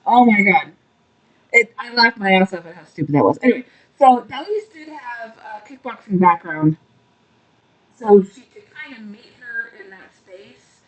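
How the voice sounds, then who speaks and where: A woman's voice: a little high, lively intonation, moderate pace, low-quality recording. Blunt, profane woman recapping wrestling. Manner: blunt, profane and opinionated, laughing at her own jokes. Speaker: podcast co-host. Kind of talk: casual wrestling recap chat.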